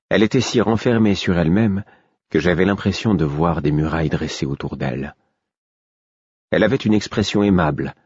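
A male audiobook narrator with a very low, husky voice, reading first-person literary prose in a measured, even way. The recording is close, dry, and somewhat dull. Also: no room sound.

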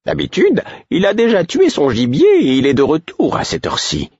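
Gruff commanding older woman in an audiobook, sharp and raised, read by a man. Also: a little high, huge pitch swings, moderate pace, no room sound, lo-fi sound, voice pushed up. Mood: pressing.

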